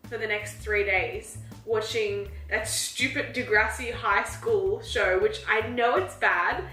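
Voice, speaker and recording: A woman's voice: medium pitch, steady tone, slow, pushed and bright, roomy sound, soft background music. A young Australian woman in her twenties vlogging casually to a handheld camera at home, unwell and tired, talking with lots of "like" fillers. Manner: chatty, frequent "like" fillers, self-mocking. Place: home apartment, indoors.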